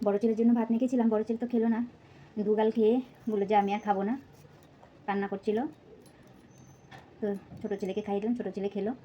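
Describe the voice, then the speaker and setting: A young Bengali-accented mother of two cooks and vlogs at home, chopping vegetables while chatting softly and a touch breathless, addressing viewers as friends and filling gaps with fillers. Her voice is mid-range, and the dull audio has a slight hiss or hum.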